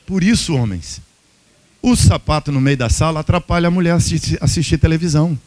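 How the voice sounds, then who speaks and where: High-voiced Brazilian pastor, playful sermon. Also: male voice, a little fast, darkish tone. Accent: Brazilian Portuguese. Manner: humorous storytelling, acting out quoted dialogue. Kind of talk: sermon at a couples' retreat. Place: church hall.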